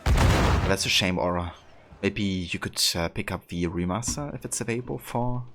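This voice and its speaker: Low-voiced man chatting on a game stream. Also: normal speed, fairly bright tone. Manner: hesitant, thoughtful, reads and answers chat. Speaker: video game livestreamer. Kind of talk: casual chat with viewers while playing. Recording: clear background game noise. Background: game ambience.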